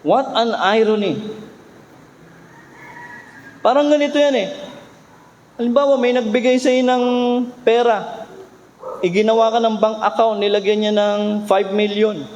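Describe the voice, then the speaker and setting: A man's voice: high-pitched, fairly even intonation, measured pace, long pauses, a little mellow, lo-fi sound. A man, a pastor preaching a sermon with emphatic rhetorical questions. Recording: reverberant hall with faint hum.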